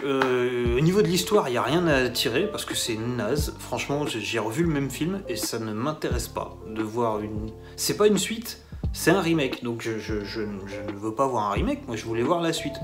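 A man's voice: mid-range voice, lively intonation, moderate pace, music in the background. A man giving a casual solo film review, sarcastic and mocking as he rambles along.

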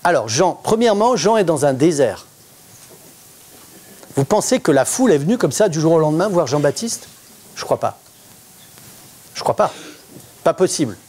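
A middle-aged man with a fairly high voice preaches a sermon in church. He keeps it conversational and lively and often stops to question the congregation. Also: a little fast. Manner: interactive, asks the congregation questions. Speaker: pastor.

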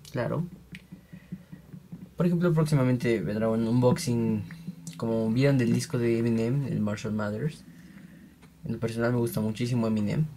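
A man's voice: medium pitch, warm tone, a little hiss or hum. A young man, rambling in casual gameplay commentary and voicing digging sounds aloud. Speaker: gaming channel host.

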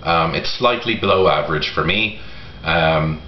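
A middle-aged man giving a casual product review to camera in a halting way, pausing often. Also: deep voice. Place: home kitchen, indoors. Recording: roomy echo, dull sound, faint noise.

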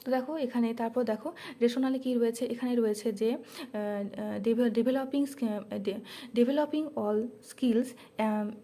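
A woman tutor walking through a lesson plan, reading English lines out slowly and then explaining each one, with many fillers and restarts. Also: fairly high pitch, steady tone, mellow. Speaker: teacher-training tutor.

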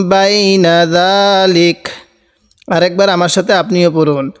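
A man's voice: high voice, clean tone, in a large hall. A man teaching Quran reading, spelling out words letter by letter and drawing out the syllables as he recites.

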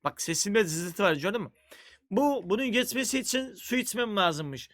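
A man's voice: high voice, animated, normal speed, a bit bright, no room sound, clean studio sound. A man chatting casually on a game livestream, joking around and swearing constantly. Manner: crude, profane, joking banter. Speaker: game streamer.

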